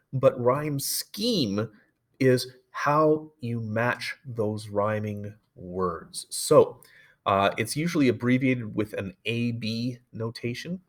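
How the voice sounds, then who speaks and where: A male teacher talks through a recorded lesson in a mid-range voice. He explains patiently and informally, often pausing on fillers and correcting himself mid-sentence. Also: medium pitch, fairly bright tone. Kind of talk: recorded classroom lecture.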